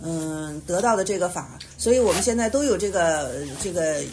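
A woman teaching meditation, answering questions patiently and explaining at length with soft affirming hums. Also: on the low side, animated, moderate pace, a little hiss or hum. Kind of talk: Buddhist question-and-answer talk.

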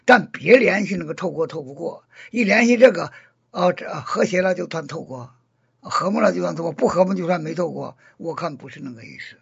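A man's voice: fairly high pitch, lively intonation, fairly quick, gravelly, slightly rough, dull audio. A man leading a casual Buddhist discussion, earnest and explaining, who often repeats and rephrases his points.

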